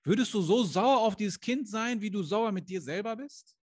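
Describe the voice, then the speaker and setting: A man's voice: high voice, lively intonation, moderate pace, a little mellow. A man speaking as a life coach straight to the camera, earnest and direct, asking rhetorical questions and dropping into emphatic bursts, with Islamic phrases woven in. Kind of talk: motivational coaching talk to camera. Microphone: camera he adjusts himself.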